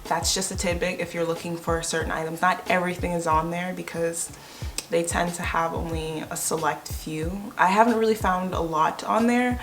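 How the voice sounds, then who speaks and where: Chatty young woman vlogger, lower voice. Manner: chatty, enthusiastic, addresses viewers as "you guys". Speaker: home decor vlogger. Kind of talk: casual vlog chat.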